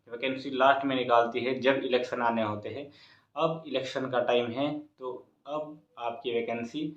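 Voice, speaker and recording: A man who runs an exam coaching YouTube channel gives students an informal exam update, repeating himself in an encouraging way. His voice is medium-pitched and fairly bright, recorded in an echoey room with a dull, muffled sound.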